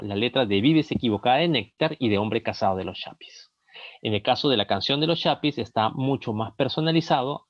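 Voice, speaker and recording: A man with a Peruvian Spanish accent lecturing in a recorded lesson, setting out his points step by step and reading song lyrics aloud to illustrate them. His voice sits at an ordinary middle pitch. The sound is dull and dry, with no room echo.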